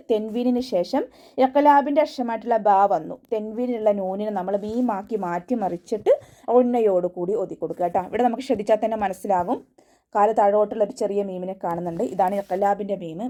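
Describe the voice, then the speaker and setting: A woman teaching tajweed in an online class, giving patient step-by-step pronunciation instructions and then reciting each verse slowly, in a higher voice. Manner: patient, step-by-step instruction, often ending with a soft "tto".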